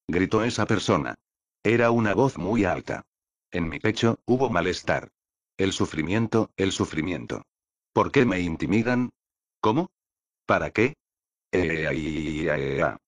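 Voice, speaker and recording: A man reading a light novel aloud as audiobook narration, in a slow, measured delivery. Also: sits low, no room sound.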